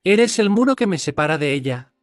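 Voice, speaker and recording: A man's voice: on the high side, very animated, a little fast, dry recording. A man voicing a scheming adult duke in a mocking, smug manner. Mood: furious. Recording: dry close mic, faint music.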